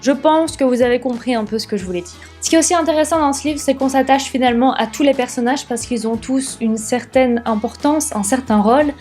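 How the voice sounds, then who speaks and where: A woman's voice: high-pitched, fairly quick, few pauses, darkish tone, soft background music. A young woman casually reviewing books she has read, chatty and candid, with frequent fillers. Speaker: book vlogger.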